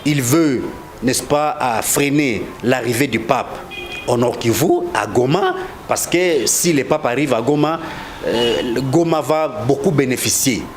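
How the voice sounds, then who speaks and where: A man's voice: mid-range voice, very animated, a little slow. Emphatic Congolese man, noisy street. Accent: Congolese French. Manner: emphatic, accusatory, with many repeated words and hesitations. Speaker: interviewed political official. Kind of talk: live street interview.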